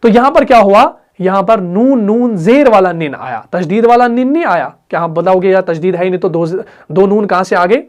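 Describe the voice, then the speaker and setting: A man's voice: high voice, expressive, a little fast, few pauses. A man with a Pakistani Urdu accent teaching a Quran recitation class, explaining step by step and asking questions that he answers himself.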